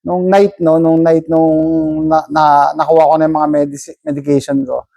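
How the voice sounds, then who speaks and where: A man's voice: fairly high pitch, level tone, normal speed, vocal fry, dark tone. A man vlogging in casual storytelling mode, chatty and rambling, often tagging his sentences with a questioning "no?".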